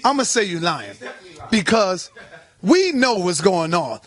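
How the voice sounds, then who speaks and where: A man's voice: high voice, very animated, a little slow, a bit bright, no room sound. A man questioning a guest in a pressing, confrontational way and repeating his points for emphasis. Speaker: interviewer.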